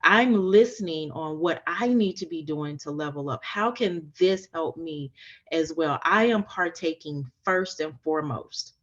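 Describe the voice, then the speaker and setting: A woman's voice: low voice, a little slow, a bit bright, lo-fi sound. A woman hosting a podcast interview, talking in an enthusiastic, emphatic way and repeating her phrases for stress. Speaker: podcast host and coach. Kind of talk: casual interview chat.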